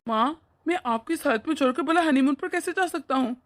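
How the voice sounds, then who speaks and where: A woman voicing a young husband and caring son in a cartoon, gentle and eager to please. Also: high voice, brisk, natural voice. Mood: worried. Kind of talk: animated cartoon voice acting.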